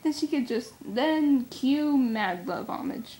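Young woman, comic fan co-host; rambling, giggly, slightly high, faint rumble behind. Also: animated, slow pace, mellow. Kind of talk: casual chat.

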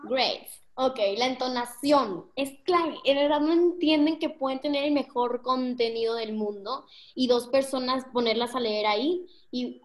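A young woman with a Mexican accent giving a casual online talk on public speaking, slangy and speaking straight to her audience. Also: on the high side. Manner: chatty, slangy, addresses the audience directly.

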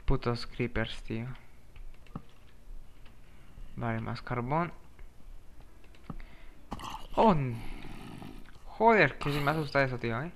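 A man's voice: medium pitch, lively intonation, unhurried, pauses often, a little hiss or hum. A young man giving casual gameplay commentary, swearing often and breaking into jumpy outbursts while he chats to the monsters. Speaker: gamer.

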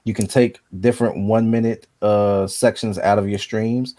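A man, a video game streamer, talking as a podcast guest in a relaxed, conversational way with frequent ums. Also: lowish voice, normal speed. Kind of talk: casual podcast chat.

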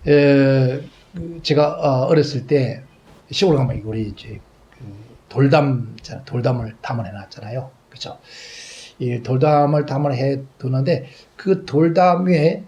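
Korean pastor preaching with dramatic swings. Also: male voice, mid-range voice, a little slow, muffled recording. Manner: storytelling, acts out father and child dialogue; swings between loud exclaims and soft trailing asides. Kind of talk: sermon.

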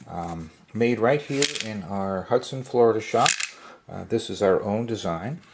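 A man who owns a craft shop, casually demonstrating a board game at a tabletop in his workshop. He talks in a relaxed, folksy way, with fillers. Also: low voice, a little hiss or hum. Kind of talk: casual product demo.

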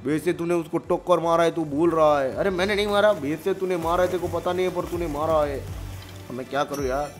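Excitable man doing gameplay commentary. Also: fairly high pitch, brisk, faint music behind. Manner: excitable, exclaiming and joking. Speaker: gamer.

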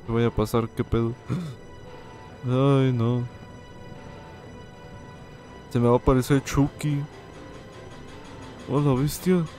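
A man's voice: medium pitch, steady tone, slow, long pauses, a little mellow, soft background music. A young man with a Mexican accent commentating a horror game, cracking slangy jokes. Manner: joking, slangy, yelps when scared. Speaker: gaming host. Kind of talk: horror let's-play commentary.

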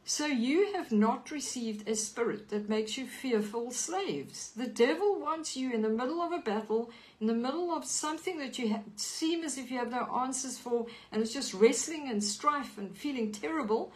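A woman's voice: sits high, expressive, moderate pace, few pauses, poor audio. A woman with a South African accent giving an earnest livestreamed teaching sermon, reading scripture aloud. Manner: earnest, reads scripture aloud, greets viewers by name. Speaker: preacher on a live stream.

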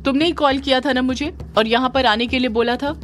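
A woman's voice: mid-range voice, lively intonation, normal speed, faint music behind, close to an everyday voice. A woman voicing an exasperated young man who scolds his girlfriend in a Hindi audio drama. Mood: irritated. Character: young man, irritated boyfriend.

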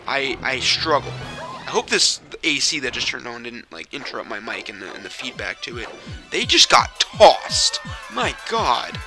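A man with a mid-pitched voice, a little sick, talks through a video game in a loose, rambling, self-mocking way, swearing freely. He records on a mic fed into a capture card at his home setup. Game music plays clearly underneath. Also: moderate pace. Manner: rambling, profane, self-deprecating. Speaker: let's play host. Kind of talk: casual gameplay commentary. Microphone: mic hooked into a capture card.

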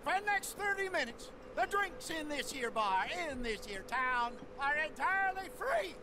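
A man's voice: very high-pitched, sing-song, normal speed, heavy background noise. An actor playing a sly, boisterous saloon huckster with theatrical showman patter in a western video game.

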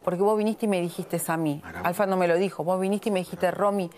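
A woman's voice: on the low side, steady tone, fast, a little mellow. A woman with an Argentine accent, a reality show contestant in a heated argument, insistently checking that she is understood. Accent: Argentine Spanish. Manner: insistent, keeps asking "¿entendés?".

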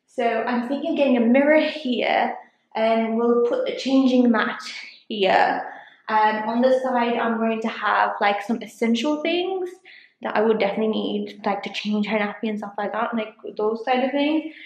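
A rambling, chatty woman with a somewhat high voice, talking through a casual home tour for her vlog. Her voice rings around a small room at home, and it comes back noticeably echoey. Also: normal speed. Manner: chatty and rambling, with frequent ums and likes. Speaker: vlogger.

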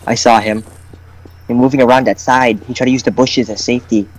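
A man's voice: medium pitch, fairly even intonation, brisk, rough recording. A man in casual gaming chat over a headset mic, joking around and slipping into a put-on broken-English bit. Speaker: gamer.

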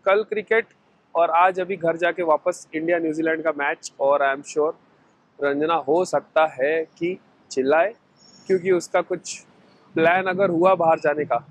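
A man in his thirties chatting excitedly in a casual vlog, filming himself outdoors with an action camera at arm's length. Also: on the high side, unhurried, rough recording. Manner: chatty, excitable cricket talk. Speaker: vlogger. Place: outdoors in a stadium stand and a street.

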